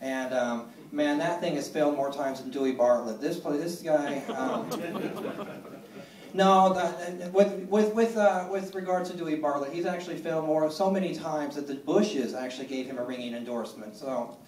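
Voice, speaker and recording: A man in his thirties doing a stand-up comedy set on a club stage, deadpan and self-deprecating, with lots of ums and restarts. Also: on the high side. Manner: deadpan, self-deprecating, halting with many fillers. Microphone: phone recording from the audience. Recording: echoey room, mic far from stage.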